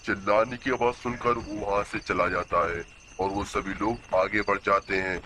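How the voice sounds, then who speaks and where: Low-voiced man narrating a cartoon story. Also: fairly even intonation, normal speed, pushed and bright, a little hiss or hum.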